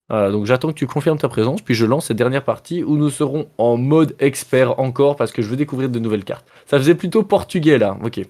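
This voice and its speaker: A man's voice: medium pitch, darkish tone. Chatty man hosting a board game stream. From Belgium. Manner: chatty and playful, jokes about himself, reads card texts aloud. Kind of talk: casual live-stream chat while playing.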